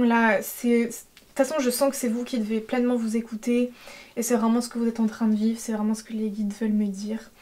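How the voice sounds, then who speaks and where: A woman giving an intuitive tarot reading, talking hesitantly with many fillers and a gentle tone. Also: fairly high pitch. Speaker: tarot reader. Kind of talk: intuitive card-reading guidance.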